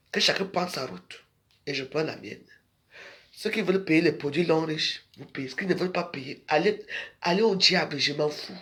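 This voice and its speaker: High-voiced man ranting at followers. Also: fairly bright tone. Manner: scolding, confrontational, rambling. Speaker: social media video maker.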